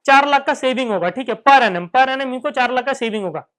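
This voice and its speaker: Lecturing on finance in a mixed Hindi-English classroom, this Indian-accented man asks his own questions, answers them, and goes back over the main points. He plays out students' questions in dialogue form. His voice is very high-pitched and a bit bright, and his pace is slightly quick.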